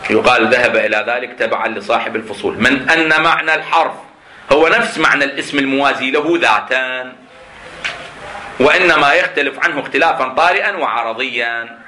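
A man's voice: fairly high pitch, sharp tone, low-quality recording. A man lecturing a class, reading a text aloud and explaining it by asking and answering his own questions. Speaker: teacher of jurisprudence.

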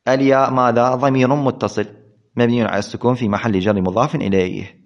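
A man's voice: mid-range voice, steady tone, fast talker. Guy teaching a grammar class, mid voice, keeps repeating stuff and quizzing himself, kinda muffled recording. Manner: repeats key words, asks questions and answers them himself. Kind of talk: classroom lesson explaining a text. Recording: dull lo-fi recording.

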